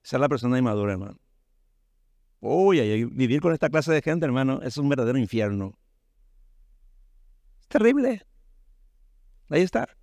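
A male pastor preaching a sermon, often calling his listeners "brother" and asking them "right?", his pitch swinging sharply up and down. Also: big pitch swings, moderate pace, pauses often, a little mellow, no echo, studio quality. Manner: preaching with sudden rises and drops in pitch, many rhetorical tag questions.

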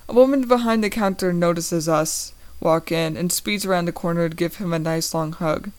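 Woman reading a story, low mellow voice. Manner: plain, slightly halting reading with small slips. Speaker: reader of a story. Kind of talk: first-person story read aloud.

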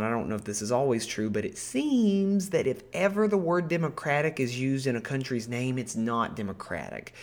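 A man in a medium register talks through history on his podcast. He is loose and casual, full of ums, self-corrections and the odd curse word. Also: medium pitch. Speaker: podcast host.

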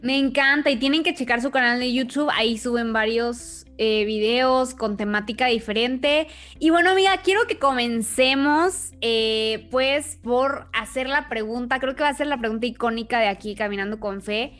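A woman's voice: fairly high pitch, normal speed, a bit bright, soft background music. A woman hosting a faith podcast and interviewing a guest in an upbeat, chatty way. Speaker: podcast host.

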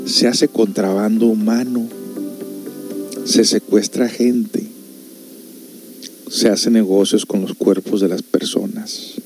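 A man's voice: lowish voice, fairly even intonation, slow pace, pauses often, a little mellow, faint music behind. A man giving an earnest, moralizing monologue on prophecy and reading scripture with emphasis. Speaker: prophecy commentator.

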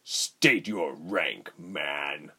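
A man voicing a cold, cruel general who threatens slowly and quietly. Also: breathy edge, exaggerated voice. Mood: cold menacing. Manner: slow, low, coldly threatening. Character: cold menacing male general, calm and cruel.

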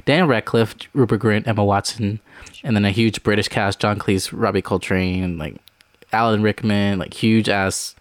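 A man's voice: on the low side, fairly even intonation, moderate pace, no echo. A man in his twenties co-hosting a casual movie podcast, rambling with lots of fillers while reading out film facts. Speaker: podcast co-host. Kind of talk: casual chat.

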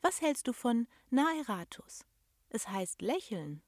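A woman voicing a timid, sweet young elf girl who speaks high and stammers when startled. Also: sing-song, slow pace, no echo, studio quality, heavily acted. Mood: warm.

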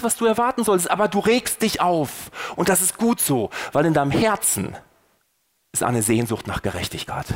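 A man hosting a faith podcast, preaching earnestly and putting rhetorical questions straight to the listener. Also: mid-range voice. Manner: earnest and persuasive, rising and falling for emphasis. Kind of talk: sermon-style podcast talk.

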